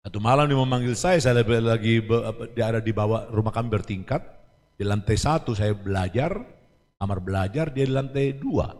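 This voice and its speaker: A male pastor preaching a sermon, questioning the congregation and swinging between quiet lines and shouted ones. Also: mid-range voice, a little fast. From Indonesia. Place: church. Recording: church hall reverb on a livestream.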